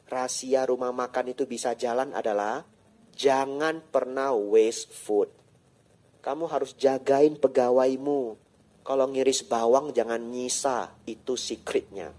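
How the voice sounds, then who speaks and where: A man, a Buddhist monk, giving a lively, teasing sermon with rhetorical questions and English phrases mixed in. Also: a little high. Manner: drops English phrases into his talk. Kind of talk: sermon to a live audience.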